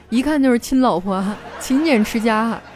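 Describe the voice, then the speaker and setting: A woman's voice: a little high, a little mellow. A young woman hosts a casual show, reading listener jokes aloud and laughing through her lines. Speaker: radio-style host reading listener jokes.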